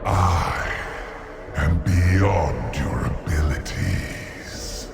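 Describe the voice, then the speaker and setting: An actor playing a sinister, smug, monstrous horror of flesh in a video game, with a gravelly, whispery voice and drawn-out ominous menace. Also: male voice, rumbling low, expressive, exaggerated voice. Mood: sinister, gloating. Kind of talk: video game boss acting. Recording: music behind, roomy echo. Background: music.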